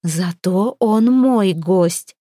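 A woman's voice: mid-range voice, unhurried, dark tone, no echo, studio quality, close to an everyday voice. A woman reading the part of a firm, protective young woman, a healer who stands up for her patient. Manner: indignant, firm.

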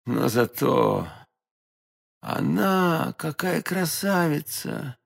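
A man voicing a hot-headed young nobleman in an audiobook, indignant and shouting. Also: on the high side, normal speed, husky. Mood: faint, dreamy.

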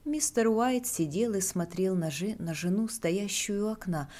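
Dark-voiced woman narrating a horror tale. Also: medium pitch, animated, unhurried. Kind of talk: audiobook narration of a horror story.

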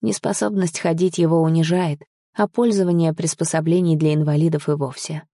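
A woman's voice: deep voice, steady tone, fairly quick, dark tone, no echo, clean studio sound. A woman narrating a first-person romance audiobook, voicing the heroine with emotion.

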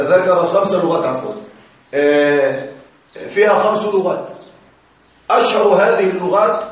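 A high-voiced man teaches grammar in a classroom, explaining patiently and stopping often to check that his students are with him. He is heard from a distance in a very echoey room, and the sound is slightly muffled. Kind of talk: classroom lecture.

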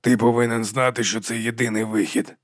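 A man voicing a frail, secretive old man who speaks in a hushed, hissing, barely audible voice in an audiobook. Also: medium pitch, little pitch movement, fairly quick, dry recording, studio quality, natural voice. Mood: hushed grim. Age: older. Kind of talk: audiobook character voice.

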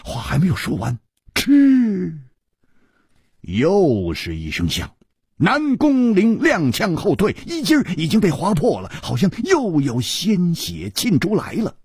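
Male audiobook storyteller, wildly lively pitch, husky, dry close studio sound. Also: unhurried, dry recording. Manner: animated, theatrical. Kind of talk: martial arts novel audiobook narration.

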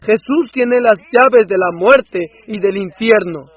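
Male preacher for a sermon dub: high, husky, impassioned, swells into loud outbursts, dull lo-fi sound. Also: slow, no echo. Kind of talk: Spanish voice-over of a sermon.

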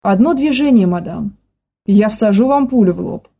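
Audiobook: a stern, commanding father, read by a woman narrator in a dark, husky voice. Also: mid-range voice, expressive, moderate pace. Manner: commanding, forceful orders. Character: stern, commanding middle-aged father, an actor.

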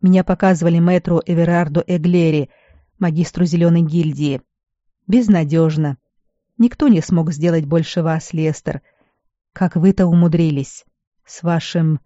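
A woman's voice: fairly low pitch, steady tone, moderate pace, mellow, no room sound, lightly acted. A reader voicing a young woman, a former battle mage, who is bedridden and speaks weakly with remorse and bitterness. The recording is dull and dry. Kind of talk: audiobook character voice.

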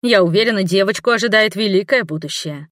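A woman's voice: mid-range voice, quick pace, no echo, studio quality, natural voice. Woman doing a bossy, fiery nun. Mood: effusive. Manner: insistent, loud and scolding. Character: bossy, hot-tempered middle-aged nun.

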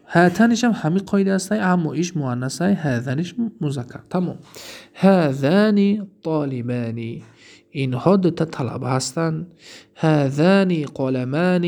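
A man with a Tajik accent teaching Arabic grammar in a recorded lesson, reading examples slowly and then explaining them quickly. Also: on the high side, vocal fry, darkish tone.

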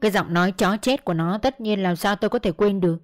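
A woman narrating a first-person story in a steady storytelling manner. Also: mid-range voice, quick pace, no echo. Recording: dry close mic, faint music.

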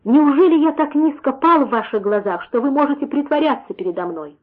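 A woman's voice: high-pitched, animated, a little fast, voice pushed up. A woman reading an audiobook, voicing an anguished young man who pleads and questions with passion. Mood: pleading. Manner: impassioned, questioning. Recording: tinny phone-like sound.

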